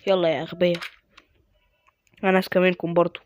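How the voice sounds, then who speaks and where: A man's voice: sits high, level tone, quick pace. A man with an Egyptian accent giving casual gameplay commentary, muttering to himself and mocking his own mistakes. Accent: Egyptian Arabic. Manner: mutters to himself, self-mocking, with sudden exasperated outbursts. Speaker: gaming YouTuber.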